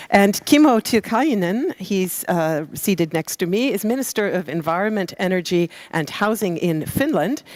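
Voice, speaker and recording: A woman moderating a conference panel, introducing speakers in a polished, measured way with some hesitations. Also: on the low side, dry recording.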